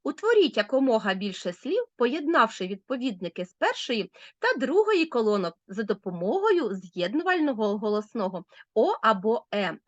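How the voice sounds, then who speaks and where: A woman teacher giving a recorded school lesson to children, explaining rules clearly and with emphasis. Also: a little high, very animated, moderate pace, no echo, lo-fi sound.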